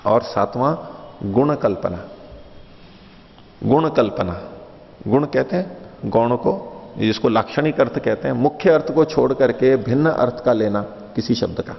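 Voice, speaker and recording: Male lecturer, gravelly voice, patient and repetitive, dull lo-fi hall recording. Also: medium pitch, lively intonation, unhurried, pauses often. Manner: patient, repeats and rephrases points, asks listeners questions. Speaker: teacher of Mimamsa philosophy. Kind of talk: explanatory lecture with stories.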